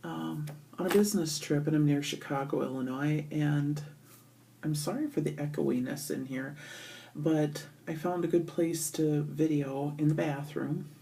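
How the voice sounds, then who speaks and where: Middle-aged woman, deep voice, echoey bathroom, chatty vlog talk full of ums. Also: fairly even intonation, measured pace, warm tone. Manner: chatty, many ums, asks viewers for feedback. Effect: echoey bathroom sound. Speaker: vlogger. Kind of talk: casual chat to viewers. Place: bathroom on a business trip.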